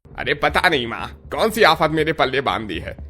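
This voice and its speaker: A man's voice: a little high, very animated, moderate pace, pushed and bright, faint music behind, exaggerated voice. Man voicing a grumbling scornful husband. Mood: contemptuous. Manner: dismissive complaining. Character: grumbling, contemptuous young husband.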